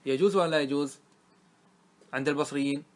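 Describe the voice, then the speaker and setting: A man teaching a grammar lesson to a class, explaining the rules and checking often whether his students follow. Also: a little high. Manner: asks students quick check questions; chants verses slowly. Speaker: sheikh teaching Arabic grammar. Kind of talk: classroom lecture explaining verse.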